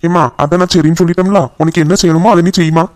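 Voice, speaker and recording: A man's voice: fairly high pitch, level tone, racing, a little mellow, lightly acted. A man voicing a reluctant young son. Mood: soothing. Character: young man home from abroad, reluctant but caring son.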